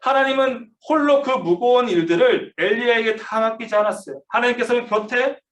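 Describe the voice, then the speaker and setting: A youth pastor preaches a sermon to teens over a video call from a church room, telling the story vividly, questioning his listeners, and acting out the quotes. His voice is extremely high, a little fast, and somewhat bright, picked up by a distant mic in a roomy space.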